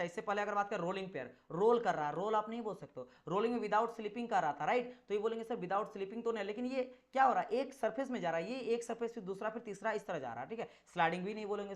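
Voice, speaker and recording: A man's voice: high voice, quick pace, hardly any pauses. A man teaching an engineering exam class. He repeats his points, mixes English technical terms into his explanations and keeps asking whether the students have understood. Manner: repetitive, checks understanding with rhetorical questions; demonstrates with objects at hand. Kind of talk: classroom lecture.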